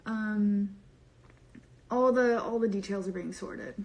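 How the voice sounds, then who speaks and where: A young woman livestreams from her small bedroom, a social media creator reading viewer comments aloud in a bubbly, playful, slang-filled ramble. Her voice is medium-pitched, slow and darkish, picked up by a phone camera at arm's length with the highs cut off.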